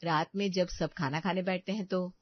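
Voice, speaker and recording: A woman narrating a family story in a calm, even voice, in a dull, dry recording. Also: on the low side, moderate pace, no room sound.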